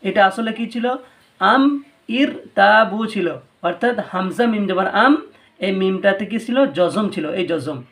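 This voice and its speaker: A man's voice: sits high, unhurried, vocal fry, fairly bright tone. A man with a Bangladeshi Bengali accent teaching Quran recitation rules in a patient tutorial, repeating each rule twice. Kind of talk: step-by-step tutorial lesson.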